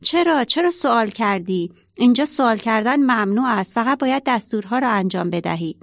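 A woman's voice: a little high, lively intonation, no echo, clean studio sound. A woman playing a timid, fawning mouse servant. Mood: anxious. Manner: anxious, pleading.

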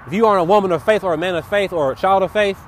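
A man giving casual, heartfelt reflection outdoors on a busy city street, speaking up over the noise and often repeating his words. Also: high-pitched. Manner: halting, repeats words and phrases. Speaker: podcaster sharing personal faith encouragement. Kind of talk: casual spoken reflection to listeners. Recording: noisy outdoor audio with wind and traffic.

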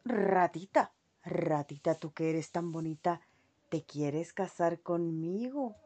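A woman voicing a proud male rooster who courts softly in a lowered voice and crows shrilly. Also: slow. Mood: courting.

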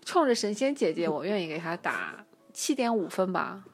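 A woman co-hosting a casual chat podcast about a TV drama, relaxed and opinionated, laughing as she defends her view. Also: on the low side, normal speed, soft background music. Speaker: podcast co-host.

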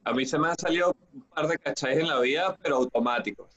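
A man's voice: on the high side, fast talker, a bit bright. A man co-hosting a podcast in casual chat, joking with crude, playful banter. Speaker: podcast co-host. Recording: dull lo-fi sound.

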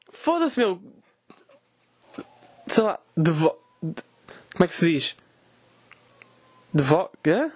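This podcast host is a young man with a European Portuguese accent, delivering a profane, sarcastic rant on his solo show and imitating others mockingly. His voice sits a little high, and there's no echo.

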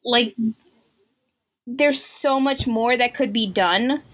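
A young woman co-hosting a podcast in casual chat, animated, acting out reactions in loud quotes and laughing often. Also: on the high side, takes it slowly, slight background noise. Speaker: podcast co-host.

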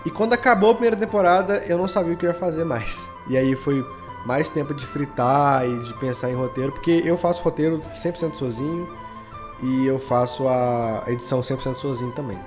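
Talking a little fast in a mid-range voice, this Brazilian audio drama creator and editor is a guest on a podcast, describing his creative work loosely and with plenty of slang. Music plays in the background of the casual interview.

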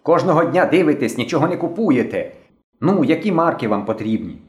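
A man's voice: medium pitch, big pitch swings. A man doing a grumpy old shopkeeper. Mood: irritated. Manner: irritable, curt, drawn-out. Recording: roomy echo.

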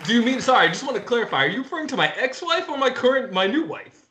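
A man voicing an excitable, crude comedy sidekick with theatrical, exaggerated delivery on an improvised talk show. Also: very high-pitched, very fast. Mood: indignant. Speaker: co-host. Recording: roomy echo, faint crowd noise.

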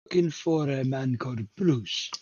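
A man's voice: medium pitch, unhurried, a little mellow, slightly rough, no room sound, dull audio. A man playing a tabletop game, speaking politely and asking questions. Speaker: player.

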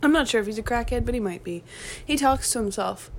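A woman's voice: a little high, quick pace, a little hiss or hum. A woman who works night shifts, chatting casually and acting out customer greetings with lots of laughter. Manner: animated storyteller, laughs often, acts out greetings. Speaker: night-shift store worker. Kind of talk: casual chat.

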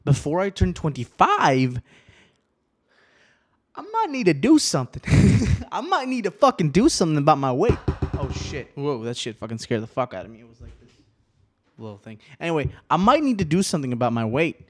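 A man's voice: a little high, huge pitch swings, normal speed. A man in his twenties hosting a podcast, rambling casually, swearing a lot and laughing often. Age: 20s. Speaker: podcast host.

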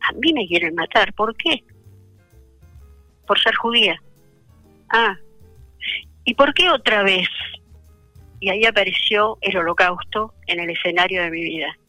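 A woman's voice: mid-range voice, measured pace, long pauses, pushed and bright, no echo, faint music behind, poor audio. An older woman with an Argentine accent, speaking in a radio interview, reflective and hesitant with many fillers. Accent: Argentine (Rioplatense). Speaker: interview guest, author. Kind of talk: personal testimony in a radio interview.

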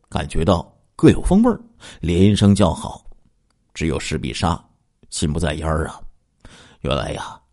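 A male storyteller narrates a crime tale with dramatic, drawn-out phrasing. His voice sits low yet leaps and dips in wide, animated swings. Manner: animated, draws out phrases with 啊 and 呢 particles.

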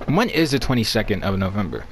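A man's voice: on the low side, very animated, fast, slight background noise. A young man co-hosting a podcast in casual, slangy banter, repeating himself for emphasis. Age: young adult. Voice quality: slangy speech. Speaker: podcast co-host.

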